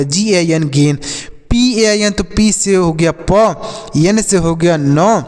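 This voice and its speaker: A high-pitched man leads a classroom-style reading lesson, asking questions and answering them himself as he goes. His voice carries a long, ringing echo from the room. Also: darkish tone. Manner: addresses viewers as dear children. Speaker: English teacher.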